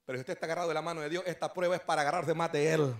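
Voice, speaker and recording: A male pastor preaching an evangelistic sermon, telling stories and building up to shouted exhortations. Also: a little high, fairly even intonation, racing. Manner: storytelling preacher who rises to shouted exhortation. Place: church service.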